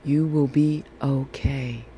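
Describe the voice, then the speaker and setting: A woman with a sultry, mellow voice talks slowly and reassuringly, as if checking in on her podcast listeners. She repeats phrases for emphasis, and a faint air-conditioner noise sits behind her as she records on a phone in a room at home. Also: a bass voice, steady tone. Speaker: podcast host. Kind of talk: casual solo podcast monologue, encouraging check-in.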